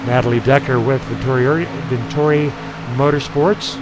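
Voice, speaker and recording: A man's voice: mid-range voice, steady tone, moderate pace, background noise. A man doing folksy, chatty play-by-play commentary for an online sim truck race, with asides between the calls. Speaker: sim racing announcer.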